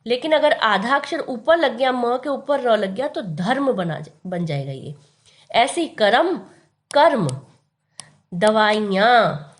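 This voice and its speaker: A woman with a high voice teaches a grammar lesson at an unhurried, deliberate pace. She patiently explains spellings and repeats each word slowly to stress the correct form.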